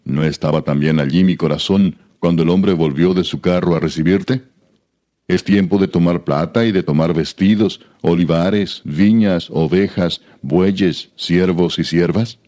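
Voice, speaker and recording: A man reads scripture aloud with a deep, mellow voice. His delivery is measured and even. He keeps a steady reading tone throughout. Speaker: Bible reader.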